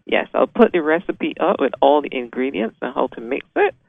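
A man's voice: a little high, sing-song, fairly quick, gravelly, no echo. A man hosting a radio interview, talking enthusiastically and emphatically. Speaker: radio host. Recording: phone-like radio sound.

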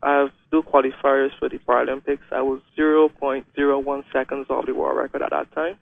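A man's voice: mid-range voice, level tone, a little fast, creaky. A young man from Guyana, a wheelchair racer talking hesitantly as a guest in a radio interview. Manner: hesitant, many "um"s and restarts. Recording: phone-line radio call.

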